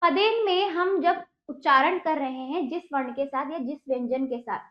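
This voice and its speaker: High-voiced woman teaching children. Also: normal speed, echoey room, lo-fi sound. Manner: patient, asks pupils questions and answers them. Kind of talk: children's Hindi lesson.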